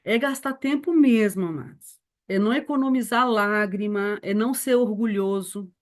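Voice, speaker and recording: A woman in her forties, a missionary teacher, shares a personal testimony during a church lesson in a mid-range voice at a moderate pace. She tells her story earnestly and addresses her listeners as "beloved."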